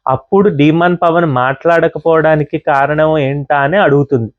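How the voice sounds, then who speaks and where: A man's voice: on the high side, fairly even intonation, normal speed, no echo, narrow, tinny audio. A man reviewing a reality show episode in a casual, chatty monologue, dropping English words in among his talk. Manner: chatty, mixes in English words, many fillers.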